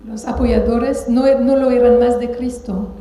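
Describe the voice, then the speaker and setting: A woman interpreting a sermon phrase by phrase, quick and fluent, sometimes restarting a word mid-phrase. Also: fairly high pitch, fairly even intonation, mellow. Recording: echoey hall.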